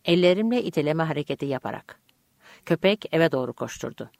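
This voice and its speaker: Woman narrator, audiobook reading, low voice, lively pitch, dry close sound, calm and measured. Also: gravelly, no room sound. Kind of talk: scripted narration.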